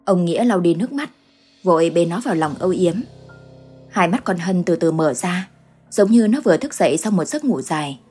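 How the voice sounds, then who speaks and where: Lady reading a ghost story, lowish voice, measured and dramatic, faint music under it. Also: animated, a little mellow, husky. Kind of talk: scripted narration of a ghost story.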